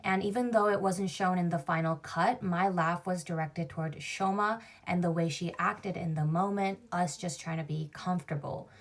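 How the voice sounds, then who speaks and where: A woman's voice: lowish voice, moderate pace, few pauses. A young woman whose first language is not English, making a careful, contrite apology video as an influencer.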